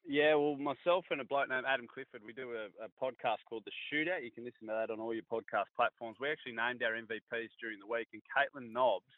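A man's voice: medium pitch, fast talker, hardly any pauses, dry recording. A man with an Australian accent chatting casually about sport as a pundit, in a blokey, laid-back, matey way full of slang. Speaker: sports pundit and former player. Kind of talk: casual radio sports chat. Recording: tinny phone line.

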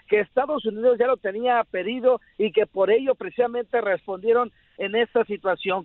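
A man giving a formal news update to a radio host, speaking fluently and clearly. His voice is very high, heard dry and thin over a tinny phone line. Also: no room sound. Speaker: news correspondent.

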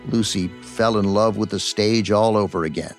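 A man's voice: on the low side, normal speed. A man hosting and narrating a scripted audio documentary. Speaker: podcast host and narrator. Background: faint music.

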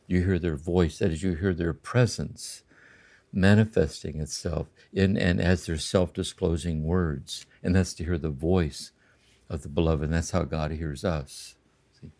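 Older guy with a really low voice, thinking out loud about faith, slow and reflective. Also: steady tone. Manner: slow, contemplative, often ends with "See?". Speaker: podcast host and spiritual teacher. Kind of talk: reflective spiritual conversation.

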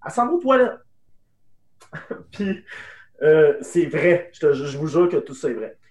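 A young man with a Québécois French accent telling an animated anecdote in casual chat, dropping to hushed tones for the punchlines. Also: fairly high pitch, a little slow, echoey room. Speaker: improv guest. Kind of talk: casual storytelling.

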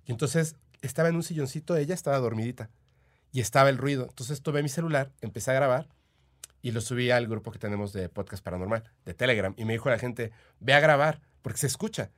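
A man's voice: mid-range voice, fast. A man with a Mexican accent, a podcast guest telling stories in casual chat, eager and full of fillers. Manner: chatty, eager, full of "o sea" and "este" fillers. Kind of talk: casual storytelling.

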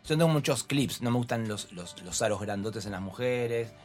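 A man with an Argentine accent, a fashion photographer being interviewed, telling lively anecdotes and acting out voices. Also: mid-range voice, normal speed, soft background music. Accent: Argentine Spanish. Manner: expressive storyteller, acts out voices. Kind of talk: animated anecdotal chat.

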